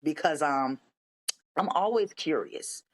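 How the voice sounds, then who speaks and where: A man hosting a podcast interview, speaking in a measured, affirming, thoughtful way. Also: a little high, animated. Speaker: podcast host. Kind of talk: interview conversation.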